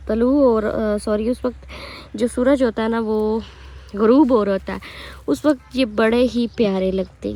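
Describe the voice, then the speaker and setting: A young woman, slightly hoarse, chatting casually to viewers as she vlogs while walking through farm fields. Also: a little high, warm tone. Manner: chatty, rambling, addresses viewers directly. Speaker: village vlogger and mother. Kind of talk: casual walk-and-talk vlog.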